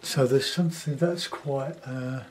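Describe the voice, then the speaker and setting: A man in his sixties with a South London accent, giving an unhurried, casual commentary as he demonstrates painting, pausing and half talking to himself. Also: medium pitch, fairly even intonation, background noise. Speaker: painting tutor. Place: small cluttered home studio, indoors.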